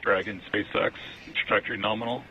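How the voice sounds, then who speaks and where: A man's voice: fairly low pitch, fairly quick, muffled recording, slight background noise. A man making terse, clipped call-outs as a mission control radio caller, heard over a distant radio transmission. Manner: clipped, even, procedural.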